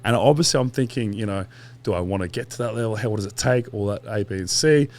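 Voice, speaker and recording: A man's voice: fairly low pitch, quick pace, a little mellow. A man, a podcast guest telling long stories in a casual, rambling way with quoted asides and swearing. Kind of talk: casual interview chat.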